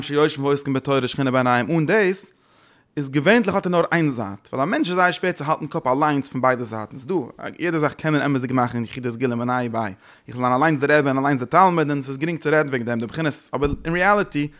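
A man with a fairly high voice teaches a Torah lesson. He explains at length and wanders between points, slipping English words into his talk. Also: a bit bright. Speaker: religious teacher.

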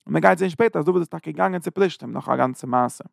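A man giving an informal Bible lesson, retelling the story in loose, halting phrases. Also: on the high side, creaky, dry recording, studio quality. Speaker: Bible teacher.

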